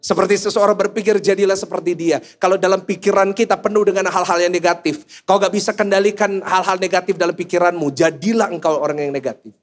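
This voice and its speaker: A man preaches in a high, bright-pitched voice, swinging between joking asides and earnest points. He keeps turning questions back to his congregation in lively call-and-response. Faint music sits behind the sermon. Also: fast, hardly any pauses. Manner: jokey, animated, asks the congregation questions. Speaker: pastor. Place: church service before a congregation.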